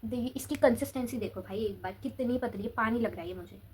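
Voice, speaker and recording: A teenage girl chats through a long school story while she applies a face pack. She talks casually to her viewers in a slightly high voice. A faint background noise runs under the recording. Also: fast talker, darkish tone. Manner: chatty, says "bhai" often, talks while applying a face pack. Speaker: vlogger.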